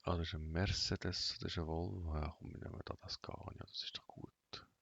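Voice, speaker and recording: A man from Bern with a Swiss German accent, giving casual gameplay commentary in a flat, monotone, emotionless way. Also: low-pitched, normal speed, vocal fry, dull audio. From Bern, Switzerland. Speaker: gamer.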